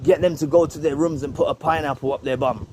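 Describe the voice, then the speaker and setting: A man voicing God, who gives Satan a blunt order in a low, hushed, casual voice. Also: steady tone, fast talker, a little hiss or hum, lightly acted. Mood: commanding.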